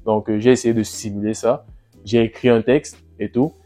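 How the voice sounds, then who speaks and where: A man talking casually in a vlog, relaxed and repetitive, often restarting phrases and pausing on fillers. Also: medium pitch, soft background music. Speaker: vlogger. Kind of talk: casual first-person vlog.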